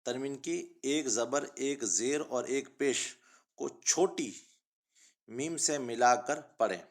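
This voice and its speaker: A man teaching a Quran recitation lesson. He explains each rule briskly, then stretches out words in slow recitation for the student to repeat, and patiently calls the student 'child'. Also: mid-range voice. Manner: patient, addresses student as child. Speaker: Arabic and Urdu teacher.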